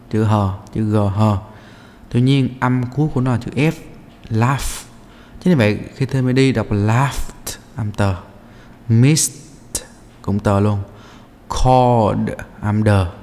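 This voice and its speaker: A man's voice: on the low side, darkish tone, big-room sound, slight background noise. A male English teacher going through a practice test answer by answer, explaining step by step with many hesitant fillers. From Vietnam.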